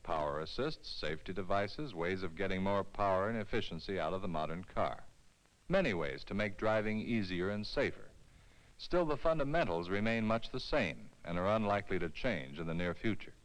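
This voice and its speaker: A low-pitched man delivers scripted narration for an instructional film, clear, measured and explanatory, much like 1970s educational film sound. His intonation is lively, though the recording is rough.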